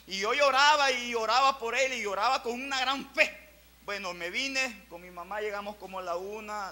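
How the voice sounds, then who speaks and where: Male pastor, sermon delivery, very high and piercingly bright voice, fervent with surging volume. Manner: fervent preaching with swelling and dropping loudness.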